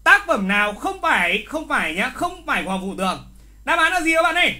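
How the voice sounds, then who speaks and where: A male literature teacher with a very high voice runs a live online exam review at a fairly quick pace. He's lively and teasing, repeats key words, and scolds wrong answers with exclamations.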